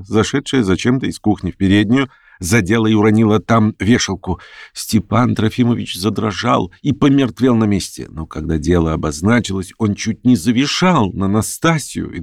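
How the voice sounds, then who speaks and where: A man reading a classic novel aloud as narrator, in a measured, steady telling. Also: on the low side, vocal fry, no room sound, studio quality. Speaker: audiobook narrator. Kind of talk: scripted narration.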